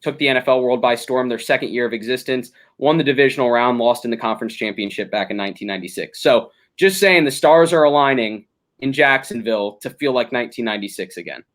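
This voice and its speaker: A man's voice: mid-range voice, quick pace, fairly bright tone. A young man hosting a casual sports podcast, talking through games analytically with frequent ums and restarts. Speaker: podcast host.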